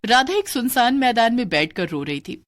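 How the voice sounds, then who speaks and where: A woman's voice: on the high side, very animated, normal speed. Woman narrating a cartoon story.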